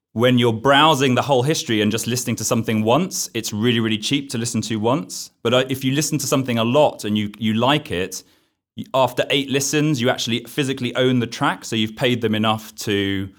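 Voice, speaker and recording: A man, a podcast guest, explaining ideas at length in a steady, conversational way. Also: mid-range voice, a little fast. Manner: steady, explanatory, uneven pace.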